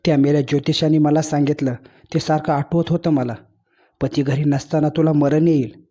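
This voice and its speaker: A man voicing a dying young wife in a spoken story, soft and pleading as he reads her words. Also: on the high side, level tone, moderate pace, natural voice. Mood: tender pleading.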